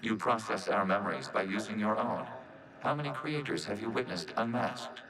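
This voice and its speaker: A man voicing a calm, synthetic machine intelligence in a video game, speaking in an even, clipped, computer-like way. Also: lowish voice, normal speed, crowd noise, natural voice, low-quality recording. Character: calm, flat-voiced synthetic machine intelligence, a networked AI collective. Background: game music.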